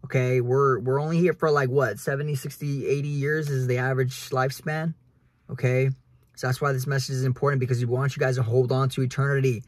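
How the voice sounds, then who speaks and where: Young man, husky, earnest preachy vlogger, phone selfie in a car. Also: mid-range voice, steady tone, brisk, dry recording. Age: young adult. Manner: earnest, preachy, repeats "guys". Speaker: realtor vlogger. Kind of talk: casual faith talk to camera. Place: inside a car. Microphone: phone at arm's length.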